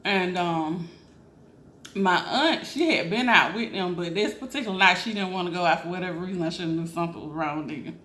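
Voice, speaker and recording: A woman's voice: fairly low pitch, a little fast, fairly bright tone. A woman chatting informally in a rambling storytime style during a mukbang. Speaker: mukbang vlogger. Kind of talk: casual storytime chat while eating. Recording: roomy echo, faint background noise.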